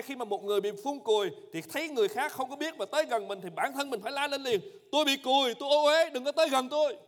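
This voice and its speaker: A man preaching a sermon as pastor in a church, emphatic and swinging between loud cries and hushed low phrases. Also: in a large hall.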